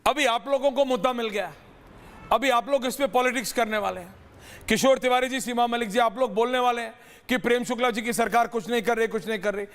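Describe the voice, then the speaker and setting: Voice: medium pitch, a little fast. A debate anchor moderating a heated news panel and cutting in on speakers, heard with a long, cave-like echo. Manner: assertive, cuts in on panelists. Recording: long hall-like reverb.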